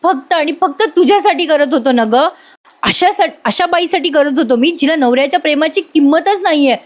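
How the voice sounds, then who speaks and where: A woman's voice: high-pitched, fairly quick, voice pushed up, natural voice. A woman voicing a heartbroken young husband who accuses his wife through tears. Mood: anguished.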